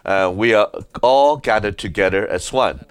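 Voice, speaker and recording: A man preaching at a conference in a meeting hall, halting often with filler sounds as he speaks. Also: on the low side, smooth. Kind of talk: sermon.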